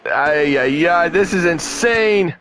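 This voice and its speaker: Excited high-voiced male race announcer. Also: slow, a little hiss or hum. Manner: excited motorsport announcer style. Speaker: race commentator. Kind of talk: live racing commentary.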